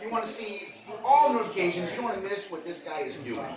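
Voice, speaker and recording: A man's voice: sits high, lively intonation, fast talker, recorded from a distance. Joking man at a noisy party. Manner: goofy, mock-announcer sign-off. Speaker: party guest and friend. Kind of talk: joking party banter to camera. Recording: roomy echo, off-mic, party crowd behind.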